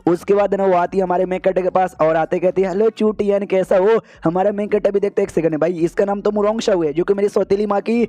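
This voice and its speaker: A man's voice: high-pitched, steady tone, quick pace, few pauses, mellow, no room sound. A man narrating an anime recap in a casual, slangy, chatty way.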